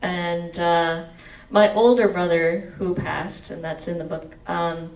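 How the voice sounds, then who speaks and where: Reading aloud from her memoir and then answering questions from the audience, a woman in her 40s speaks slowly in a lowish voice through a headset mic, sometimes singing bits of song in her expressive reading. She's in an indoor meeting room, and the rough recording is reverberant and made from a distance.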